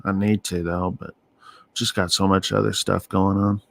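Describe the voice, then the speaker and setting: A man giving casual live weather radar commentary as an amateur streamer, thinking aloud in short, halting phrases. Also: low voice, flat delivery, creaky, fairly bright tone. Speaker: amateur storm-watching livestream host.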